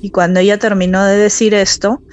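A Peruvian woman in her forties tells a personal story over a call, her voice soft and hesitant, full of pauses and restarts. Her voice sits at an ordinary middle pitch, and the audio comes through dull and muffled, like a remote call. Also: level tone. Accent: Peruvian Spanish. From Peru. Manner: soft, halting, with fillers and restarts. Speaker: caller telling a true story.

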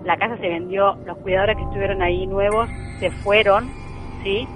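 A woman's voice: mid-range voice, fairly even intonation, moderate pace, music in the background, low-quality recording. A woman with an Argentine accent telling a true ghost story as a guest, earnest and emphatic, repeating key phrases. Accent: Argentine Spanish.

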